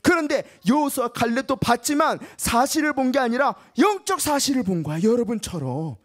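A woman teacher telling a Bible story to young children, animated, asking them questions and acting out the voices. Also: high voice, normal speed. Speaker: kindergarten teacher.

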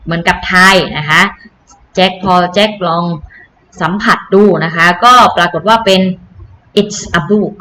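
A woman's voice: fairly low pitch, normal speed, pushed and bright. A woman teacher giving an online English lesson to children, explaining patiently and repeating key phrases. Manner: patient, repetitive explaining with polite particles.

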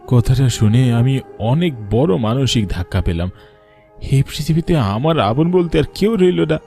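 A man with an expressive, gravelly, mellow mid-range voice speaks at a measured pace, voicing a devoted younger brother narrating a cartoon story in the first person. The delivery is dramatic, literary and sorrowful, shocked and grieving, with faint music behind.

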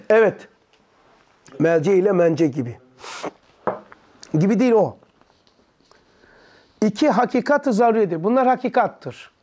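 A man with a fairly high voice teaches a religious text to a small study circle. He fires short questions at his listeners, answers many of them himself, and breaks hard terms down into everyday words. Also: animated, a little slow, pauses often, a little mellow. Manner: explains terms in plain words; leans back in an armchair while teaching.

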